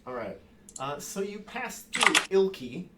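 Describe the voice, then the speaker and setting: Game master, male, unhurried, raised voice, easygoing and chuckling, light background hiss. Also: a little high, sing-song. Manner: casual, laughing often, quick asides. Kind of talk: narrating a tabletop game.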